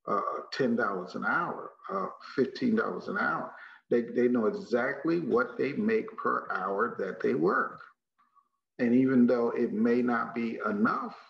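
A male motivational trainer from Texas, United States, gives a leadership training talk in a mid-range voice with heavy vocal fry and a Texas accent. He's emphatic and folksy, repeating phrases for effect and asking rhetorical questions. The recording is muffled and echoey.

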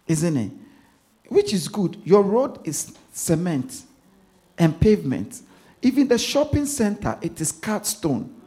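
Ghanaian preacher man with lively pitch. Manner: preaching with repetition, swinging from hushed asides to loud emphasis. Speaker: pastor. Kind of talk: sermon.

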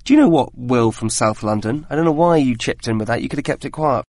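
A man's voice: mid-range voice, fast talker, a little mellow, dry recording, clean studio sound. A young man co-hosting a comedy podcast, playful and self-mocking. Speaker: co-host. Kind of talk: comic podcast banter.

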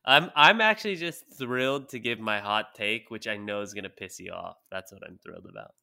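A man's voice: on the low side, brisk, creaky, bright, forceful tone. A man who is a sports reporter, talking as a guest on a casual sports podcast, playful and teasing and laughing often.

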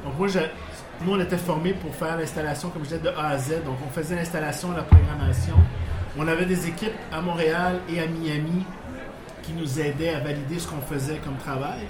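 His pitch sits fairly high and his tone stays steady as he talks fairly fast with music playing. In this casual storytelling interview, the Quebec-accented guest, Portuguese by background and living in Quebec, wanders through work tales with frequent restarts and chuckles for a live bar crowd. Sound is echoey, with bar noise behind.

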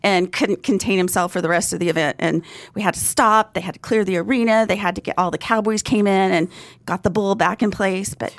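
A woman from Fort Worth, co-hosting a casual podcast and telling lively stories with exclamations and laughter. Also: medium pitch, a little fast, dry recording. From Fort Worth, Texas. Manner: animated storyteller, exclaims and laughs often. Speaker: podcast co-host. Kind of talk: casual chat and read sponsor ads.

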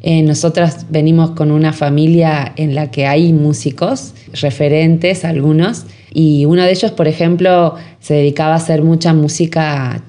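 A woman's voice: low-pitched, fairly even intonation, normal speed, few pauses, dark tone. A woman from Jujuy with a northern Argentine accent, a musician giving thoughtful interview answers and often searching for words. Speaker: musician guest.

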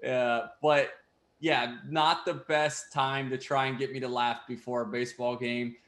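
A man's voice: medium pitch, little pitch movement, a little slow, fairly bright tone. Young man who laughs easily, roomy sound. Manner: laughs often while talking. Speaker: professional baseball player. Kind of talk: casual interview. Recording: roomy echo.

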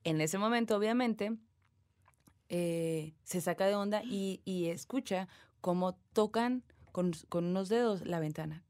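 A woman's voice: mid-range voice, measured pace, no echo. Brief: young Mexican woman, podcast co-host, slangy storytelling, close dry mic. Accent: Mexican Spanish. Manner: slangy, animated retelling with acted whispers. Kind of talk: casual storytelling.

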